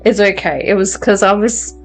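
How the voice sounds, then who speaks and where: A woman's voice: mid-range voice, moderate pace, faint music behind. A woman hosting a live tarot stream, chatting casually with viewers and laughing often at herself. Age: adult. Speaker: tarot reader and livestream host. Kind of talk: casual chat reading out viewer comments.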